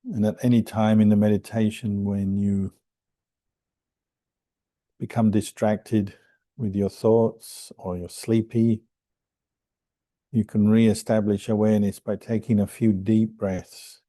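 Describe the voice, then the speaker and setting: A monk and teacher leads a guided meditation, speaking calmly and gently with unhurried pauses between phrases. His voice is lowish, and the recording is dry.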